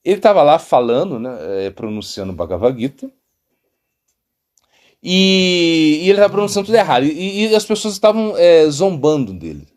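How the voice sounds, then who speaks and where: A man's voice: a little high, sing-song, moderate pace, a little mellow. A middle-aged man with a Brazilian Portuguese accent, a monk giving an informal spiritual talk, rambling, with many fillers and restarts. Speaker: monk teaching.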